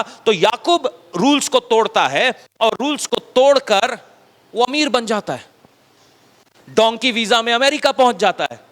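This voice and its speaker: Bright high-voiced preaching man, echoey hall. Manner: conversational preaching, acts out quotes, drops low for emphasis. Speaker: pastor. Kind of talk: sermon. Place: church hall.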